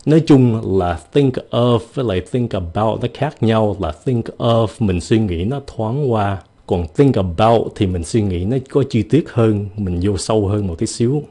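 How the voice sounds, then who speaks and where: Low, mellow-voiced man teaching pronunciation. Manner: repeats example words slowly and exaggerates sounds. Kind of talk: casual video lesson.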